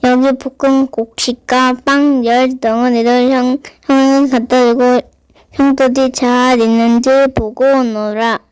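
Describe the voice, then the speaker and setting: A woman's voice: high voice, little pitch movement, a little slow, darkish tone, clear, resonant tone, dry recording, poor audio. Older father, played by a woman, children's Bible drama: caring, instructing, close dry recording. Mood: calm, instructing. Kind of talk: children's Bible play acting.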